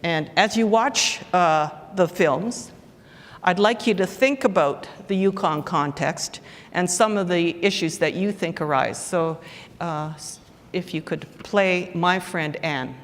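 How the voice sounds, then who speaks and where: A woman's voice: fairly low pitch, takes it slowly. A woman giving a conference talk, hesitant and full of fillers. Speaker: conference presenter. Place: conference hall. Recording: reverberant conference hall.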